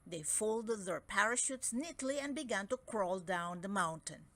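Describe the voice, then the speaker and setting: Reading from a storybook, a medium-pitched woman tells a children's tale aloud in a deliberate, expressive storytelling style.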